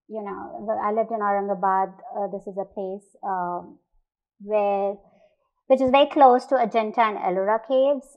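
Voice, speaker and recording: A woman's voice: mid-range voice, highs cut off. Hesitant, thoughtful woman from India. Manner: thoughtful, hesitant, many fillers and restarts. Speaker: artist. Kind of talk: artist talk with slides.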